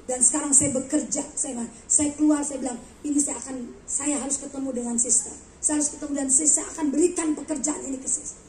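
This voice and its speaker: A woman preacher telling a testimony in a lively sermon, acting out the dialogue of her story. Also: high-pitched, fast, hardly any pauses, echoey room, a little hiss or hum. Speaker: guest preacher. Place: large church hall.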